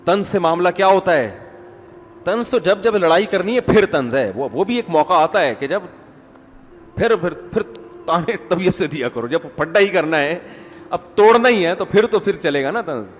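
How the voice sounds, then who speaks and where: Middle-aged man giving lively family advice. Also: high voice, long reverb tail, slight background noise. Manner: conversational, teasing, acts out quoted voices. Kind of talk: informal talk to an audience.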